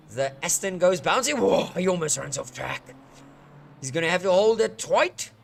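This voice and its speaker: A man giving playful, excitable live commentary on a sim race, joking and swearing as the action unfolds. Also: on the high side, gravelly, slight background noise. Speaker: sim racing commentator, streamer.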